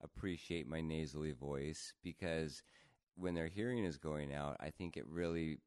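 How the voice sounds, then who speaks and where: Deep nasal man from northern Idaho, smooth crisp voice, dry close sound, casual podcast talk. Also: moderate pace, a little mellow, no echo. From northern Idaho, USA. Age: adult, married. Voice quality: a little nasal. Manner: enunciates carefully. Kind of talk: casual chat.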